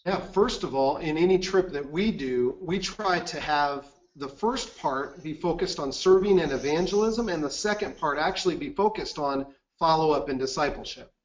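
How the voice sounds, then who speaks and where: A man giving a seminar presentation, telling a mission-trip story in an earnest, measured way. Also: on the high side, lo-fi sound. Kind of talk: webinar presentation with anecdote.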